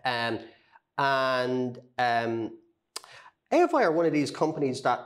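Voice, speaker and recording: A middle-aged man, a guest HR consultant, chats casually about business news in an indoor studio with a brick wall, wearing a lapel mic. His medium-pitched voice is very animated but slow, and he uses plenty of fillers and repeated words.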